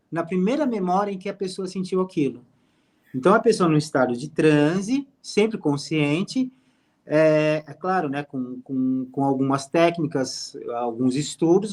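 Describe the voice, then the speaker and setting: A man, a hypnotherapist guest calmly explaining his work in an interview. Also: high voice. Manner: calm, explanatory storytelling. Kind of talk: interview conversation.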